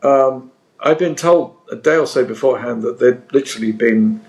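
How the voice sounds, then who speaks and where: A male musician answers interview questions in a halting way. He pauses often and fills the gaps with ums. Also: mid-range voice, darkish tone, low-quality recording. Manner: hesitant, halting with many fillers. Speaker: musician guest.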